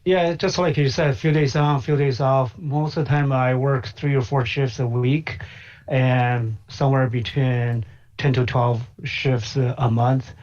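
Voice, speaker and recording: Being interviewed as a guest, this Chinese physician and investor has a steady, darkish mid-range voice. His speech is hesitant and peppered with filler pauses, and the call sounds slightly dull.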